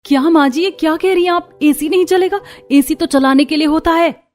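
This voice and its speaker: A woman's voice: high-pitched, fairly quick, lightly acted. A woman voicing a young, comfort-loving daughter-in-law in a cartoon family story who talks in a cheerful, coaxing way. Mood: pleading.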